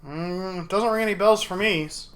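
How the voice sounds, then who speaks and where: A man runs a tabletop role-playing game, narrating in a relaxed way. His voice sits a touch high, and he often pauses to think and restarts his sentences. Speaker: game master.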